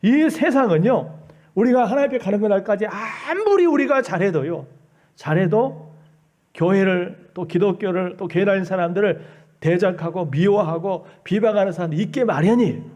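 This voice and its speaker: A man's voice: sits high, expressive, normal speed, darkish tone. A male pastor giving a Sunday sermon, pleading and emphatic, who often acts out the taunting voices of scoffers.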